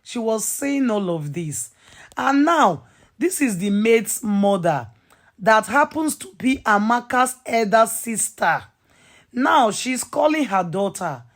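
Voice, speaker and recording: Slow-paced woman storyteller. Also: fairly high pitch, very animated. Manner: slow, chatty, asks listeners directly. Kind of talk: casual story narration.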